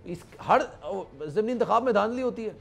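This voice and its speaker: A man's voice: high voice, expressive, moderate pace, creaky, breathy edge, soft background music. A male television anchor moderating a political debate, persistently steering the guests back to the topic with polite interjections.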